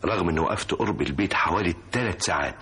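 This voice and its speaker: A cool Egyptian accomplice in a vintage radio play. His voice is very deep and husky, with a bright, lively edge, and he speaks quickly. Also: slight background noise. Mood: matter-of-fact. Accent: Egyptian Arabic. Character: young man, calm accomplice. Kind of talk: vintage radio drama acting.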